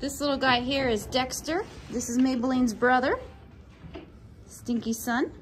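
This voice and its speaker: A woman's voice: high voice, a little hiss or hum. Woman touring her farm, easygoing. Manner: friendly, unhurried, introducing animals one by one. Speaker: farm owner giving a tour. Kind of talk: casual farm tour narration. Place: outdoors and in a barn on a small farm. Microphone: handheld phone camera.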